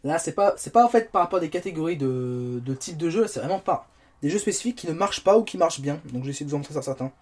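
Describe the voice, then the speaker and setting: A man's voice: on the high side, lively intonation, fast talker, darkish tone. A man reviewing a phone, chatting casually while he plays games on it, with self-mocking asides. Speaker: tech reviewer. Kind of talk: casual game-testing commentary. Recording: faint background noise.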